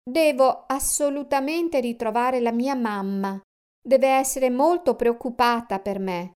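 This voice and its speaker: A woman's voice: on the high side, a little slow, darkish tone, clear, resonant tone, voice pushed up, natural voice. Woman doing a small anxious lost boy.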